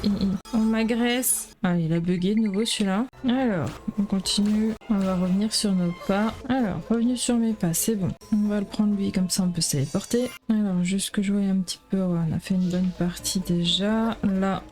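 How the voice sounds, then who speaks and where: A woman giving casual gameplay commentary as host of her let's play, chatty and quick to exclaim when things go wrong. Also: mid-range voice, a little mellow. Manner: chatty, exclaiming at the game, fillers.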